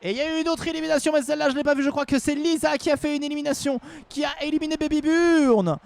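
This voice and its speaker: A man with a strikingly high voice and a gravelly, fried edge calls battles live on his stream. He jokes and rambles between fights, then bursts into shouted hype. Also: fairly even intonation, rapid-fire. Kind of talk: live stream play-by-play commentary.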